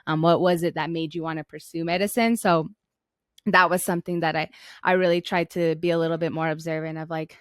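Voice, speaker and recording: A woman's voice: deep voice, flat delivery, a little fast, dry recording, studio quality. A young American woman from Arizona co-hosting a podcast in a casual, reflective way, with thoughtful, hesitant phrasing. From Flagstaff, Arizona, United States. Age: young adult. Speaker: podcast co-host.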